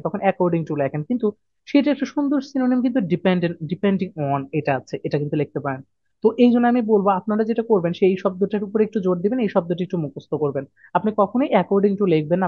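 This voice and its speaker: A man's voice: sits high, no room sound. A man teaching exam vocabulary, who repeats key points and asks and answers his own questions. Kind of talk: explaining a lesson to students. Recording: dull, dry, lo-fi audio.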